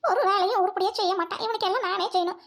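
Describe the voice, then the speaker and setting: A scheming, spiteful village mother-in-law, played by a woman, in a family skit. She scolds and plots in a very high voice, wailing theatrically when it suits her. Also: racing, a bit bright.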